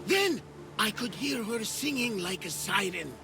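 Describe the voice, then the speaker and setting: Game role: old visionary husband and seafarer, unhurried, gravelly, dreamy and theatrical. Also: male voice, sits high, lively intonation, music in the background, full character voice. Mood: wistful, earnest. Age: older. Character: delirious old Greek sailor, devoted husband, visionary. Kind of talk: video game voice acting.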